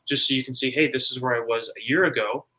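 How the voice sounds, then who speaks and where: A guest author from America explains things conversationally at a quick pace, his mid-range voice bright and forceful with fairly even intonation. His interview style is emphatic, colloquial and repetitive.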